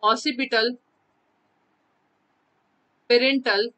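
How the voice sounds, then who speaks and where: A woman's voice: fairly high pitch, steady tone, very slow, pushed and bright, low-quality recording. A woman teacher giving a live online class, repeating key terms and calling on students by name. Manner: mixes Hindi and English terms, repeats key phrases; addresses students by name from chat.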